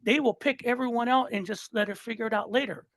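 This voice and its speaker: A Southern California man in his sixties, fired up as a listener guest in a casual political chat, talks in quick bursts, repeating and restarting words. His voice is very high and fairly bright with fairly even intonation, and the sound is close and dry with no room tone.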